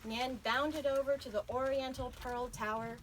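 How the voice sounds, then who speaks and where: At a live event, a woman reads a picture book aloud to children in an animated way, dramatically drawing out key words. Her high voice holds a steady tone at a moderate pace, and the noisy recording picks up audience sounds.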